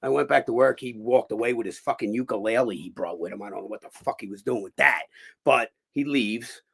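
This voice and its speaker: A man, hosting a show and telling rough, profane stories in a casual, animated way. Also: medium pitch, fairly quick. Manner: animated, profane, acts out quotes. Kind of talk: casual storytelling.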